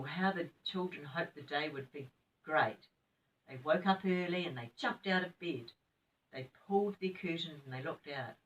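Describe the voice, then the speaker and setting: A sweet old lady from a grandmotherly mould reads a children's storybook in a New Zealand accent. She is gentle and expressive and adds chatty asides to her listeners. Her voice sits a little way from the microphone. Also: low-pitched, distant mic, lo-fi sound. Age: older.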